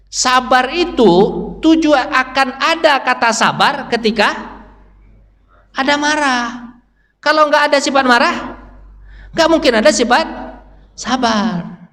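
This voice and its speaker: A man teaching a dawn study circle in a mosque, quizzing the congregation and answering himself, his pitch swinging up high to stress a point. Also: a bit bright. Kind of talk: interactive mosque lecture. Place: mosque hall. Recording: reverberant hall sound.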